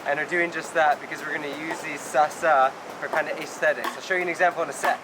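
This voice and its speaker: A man's voice: on the high side, fairly even intonation, fast. Easygoing man vlogging at a noisy site. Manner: joking, easygoing, laughs often. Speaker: vlog host. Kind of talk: casual vlog chat and narration. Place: outdoor rural building site. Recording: noisy outdoor ambience.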